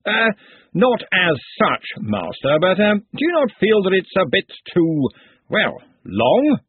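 A man voicing a gruff, blustery older male head wizard who teases dryly. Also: sits high, wildly swooping pitch, slow pace, dry recording, voice pushed up, full character voice. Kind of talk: audiobook character voice. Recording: tinny lo-fi dry recording.

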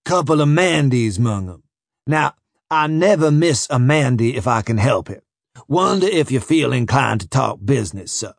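A man voicing a courteous, calculating slave buyer who drawls slowly and politely. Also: mid-range voice, lively intonation, creaky, no echo, studio quality.

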